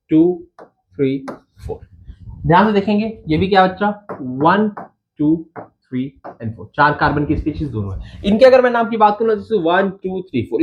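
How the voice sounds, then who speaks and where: Mixing Hindi and English, a man whose voice sits high teaches a chemistry class. He addresses his students as "bachcha" and "babu," answers his own questions, and counts carbons out slowly while writing, all on a dull lo-fi recording with a faint noise underneath.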